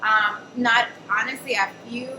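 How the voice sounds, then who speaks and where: A woman host tells casual anecdotes at a panel in a café event space, chatting away with lots of fillers and "I'm like." Her voice is a little high and her pace slightly slow, with fairly even intonation. She's heard from a distance amid the café's noise and echo.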